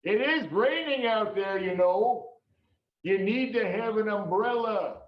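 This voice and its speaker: A man playing a blunt, oblivious old widower neighbor in a live improv comedy scene, talking slowly. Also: high voice. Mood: grumbling. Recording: echoey room from far off, dull.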